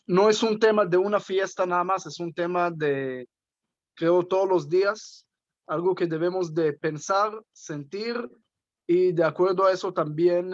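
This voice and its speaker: A man, a rabbi, giving a spoken teaching talk in a measured way, pausing often and asking rhetorical questions. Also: high voice, no echo, dull audio.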